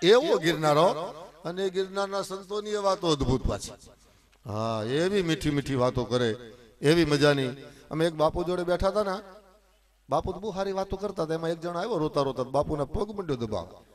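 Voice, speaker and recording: High-voiced Kathiawadi storyteller man. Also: a little fast. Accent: Kathiawadi Gujarati. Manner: chatty, teasing, addresses the crowd directly. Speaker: folk storyteller and stage announcer. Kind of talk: live folk storytelling to an audience. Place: live stage program.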